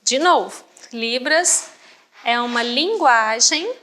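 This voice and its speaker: A woman voicing a deaf guest's talk live as an interpreter, quick and often restarting her phrases, with a reverberant hall around her. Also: on the high side, lively intonation, bright, forceful tone, a little hiss or hum. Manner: quick, restarting phrases, mimicking others' tones.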